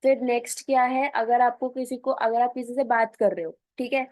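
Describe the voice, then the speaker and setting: A woman teaching a spoken English lesson, mixing colloquial Hindi explanations with slow, deliberate English example phrases. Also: on the high side, level tone, a little mellow, no echo.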